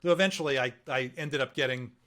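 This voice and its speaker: A man in a casual conversation, a medical correspondent who tells lively stories and laughs often. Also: mid-range voice, fast talker. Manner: lively storyteller who acts out quoted voices.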